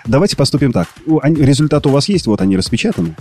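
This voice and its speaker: A man's voice: mid-range voice, sing-song, racing, a little mellow, breathy edge. A man hosting a jokey conversational interview, with a lisp that makes his sh sounds slushy and a playful, mock-grand, wordy manner. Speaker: host.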